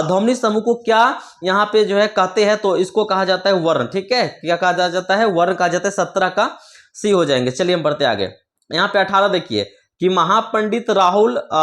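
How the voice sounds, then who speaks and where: High-voiced man reading quiz answers. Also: fairly bright tone. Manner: repetitive, filler-heavy, checks with "theek hai". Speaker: teacher. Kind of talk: exam answer walkthrough.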